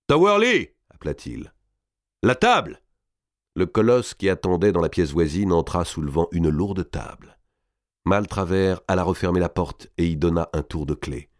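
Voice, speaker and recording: A man reading a historical novel aloud in a dramatic, measured narration. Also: deep voice, darkish tone, dry recording, studio quality.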